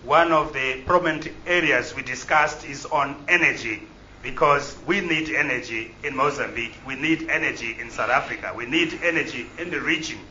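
Man as a live interpreter, bright echoey sound. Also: medium pitch, normal speed. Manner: hesitant, repeats phrases with fillers while translating. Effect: live interpreter voice over the original speech. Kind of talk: live spoken interpretation at a press event. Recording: echoey, dull sound with faint room noise.

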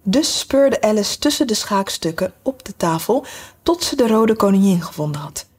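Husky-voiced woman narrator, measured storybook reading, mid pitch. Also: very animated, a little mellow. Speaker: audiobook narrator.

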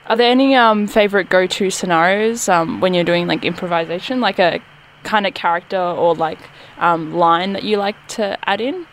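A woman's voice: on the low side, moderate pace, low-quality recording. Giggly woman radio host. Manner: relaxed, giggly, many fillers. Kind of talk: casual interview chat.

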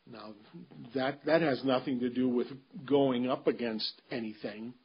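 A man giving a casual solo recap of a golf tournament, pausing often with ums and restarting his sentences. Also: mid-range voice, fairly even intonation, breathy edge, highs cut off. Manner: halting, many ums and restarts, measured. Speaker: golf commentator. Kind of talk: unscripted solo commentary.

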